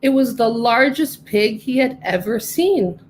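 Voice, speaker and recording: A middle-aged woman reading her own storybook aloud with clear, careful narration. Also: a little high, expressive, measured pace, slight background noise, poor audio. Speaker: author reading her book.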